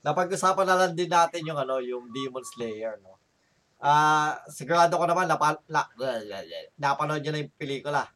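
A man's voice: fairly high pitch, lively intonation, moderate pace, pushed and bright. A man with a Filipino accent hosting a casual podcast chat, often restarting words while he searches for a term. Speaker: podcast host.

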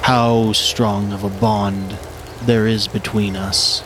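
Tabletop game dragon, played by a man: huge, ancient, cryptic. Slow, lowish dragon voice, measured menace. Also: flat delivery. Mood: probing, ominous. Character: large ancient red male dragon, calm and cryptic. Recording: clear rain noise behind.

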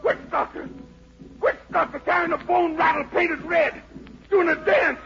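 An actor playing a proud, desperate fugitive emperor with a Southern American accent and anguished, pleading delivery in a radio drama. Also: male voice, extremely high pitch, measured pace, gravelly, fairly bright tone, slight background noise, heavily acted. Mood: terrified, pleading. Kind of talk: 1940s radio drama acting. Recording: dull 1940s radio broadcast.

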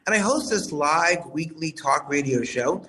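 A man hosting a live talk show, heard over a phone, speaking in a formal, measured way with some fillers. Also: on the high side, lively intonation, pushed and bright, distant mic.

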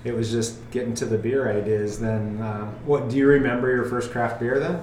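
A man interviewing a brewer in a relaxed, talkative casual chat. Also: medium pitch, moderate pace, distant mic. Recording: roomy, a little off-mic, with faint noise.

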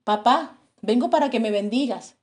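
A woman's voice: on the high side, animated, moderate pace, close to an everyday voice. A woman preacher voicing a desperate young man pleading with his father for a blessing.

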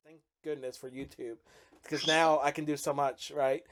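Fairly high-voiced rambling male interviewer. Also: level tone, moderate pace, music in the background. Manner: rambling, acts out quotes, says "like" a lot. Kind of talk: casual interview chat.

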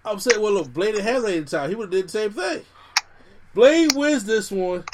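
A man with a slightly high voice hosts a relaxed debate among friends. He moves between announcing each matchup and bantering about it in loose, conversational talk. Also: quick pace, background noise. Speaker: host of a bracket debate show.

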